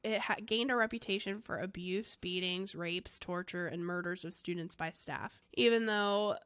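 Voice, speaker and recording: A woman's voice: lowish voice, moderate pace, clean tone. A woman podcast host in casual chat, telling a grim history conversationally with many fillers. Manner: recounts dark history conversationally, filler-heavy.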